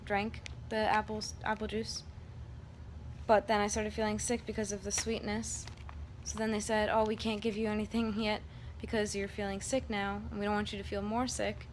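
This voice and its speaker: A woman speaks in a rambling, candid vlog style. Her mid-pitched voice moves within a narrow, even range. Faint background noise sits behind her casual telling. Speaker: vlogger. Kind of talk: casual personal vlog, recounting her surgery.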